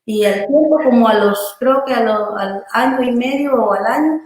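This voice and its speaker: A woman pastor tells her life story in an interview, rambling earnestly and tagging questions onto her sentences. Her voice sits a little high for a woman. The room around her rings with heavy echo. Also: moderate pace, darkish tone. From Honduras. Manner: earnest, loose storytelling with frequent "¿verdad?" and "hermano" tags. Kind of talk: telling a personal testimony in an interview. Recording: very echoey room.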